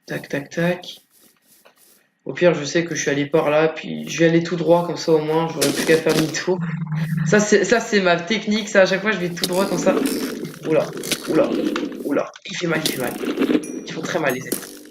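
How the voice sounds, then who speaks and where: A man's voice: fairly quick, long pauses, reverberant, background noise. Chatty young man rambling over gameplay. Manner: rambling, filler-heavy, panics into high yelps. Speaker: gameplay commentator. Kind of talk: Minecraft let's play commentary.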